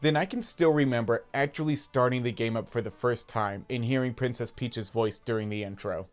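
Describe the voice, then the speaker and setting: American man telling nostalgic stories, mid-pitched. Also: brisk, faint music behind. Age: 30s. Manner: conversational, nostalgic. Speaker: video game YouTuber. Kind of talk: casual personal storytelling voice-over.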